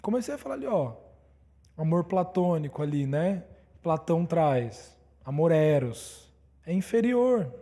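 A man preaches with a Brazilian Portuguese accent, his voice pitched high yet mellow in tone. There is a husky grain to it as he recounts a testimony in a loose, conversational way. He keeps tossing in small questions to the congregation. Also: very animated, unhurried, big-room sound. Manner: conversational storytelling, constant tag questions. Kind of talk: sermon testimony.

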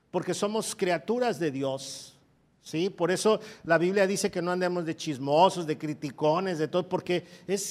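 A man preaching a sermon, asking his listeners questions and reading scripture aloud with force. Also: high-pitched. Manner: asks the congregation direct questions.

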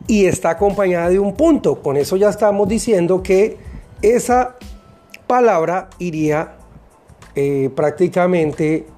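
A teacher gives a recorded lesson for children, speaking in a patient, deliberate way and spelling out each step. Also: medium pitch, mellow.

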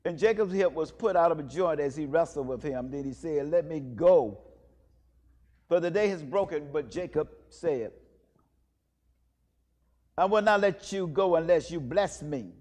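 A man leading a church service, intoning prayers and reading scripture in a measured, solemn way, with a cathedral echo around his voice. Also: fairly high pitch, animated, a little mellow. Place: large church. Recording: long echoing church reverb.

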